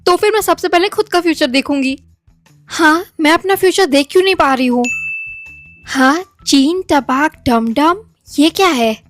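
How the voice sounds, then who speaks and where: A young woman voicing an excitable, scheming college girl who talks dramatically to herself in a comedy skit. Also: extremely high pitch. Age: young adult. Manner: chatty, dramatic self-talk.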